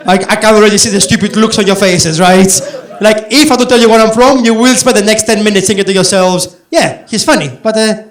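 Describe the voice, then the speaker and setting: A man's voice: high voice, fairly quick, background noise. Greek man doing brash stand-up. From Greece. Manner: brash, sweary, conversational with the crowd. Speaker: stand-up comedian. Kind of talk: stand-up comedy set. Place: comedy club stage. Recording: roomy club with audience laughter.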